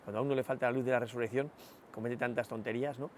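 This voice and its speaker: Reflective priest. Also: male voice, medium pitch, steady tone, rapid-fire, slight background noise. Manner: reflective, many rhetorical "¿no?" asides and hesitations. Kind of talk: spoken meditation, sermon.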